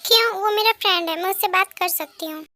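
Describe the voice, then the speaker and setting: A woman's voice: very high-pitched, fast talker, bright, forceful tone. A woman plays a lovesick, teasing teenage girl who sulks and pleads. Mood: sulky. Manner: pleading, sulky.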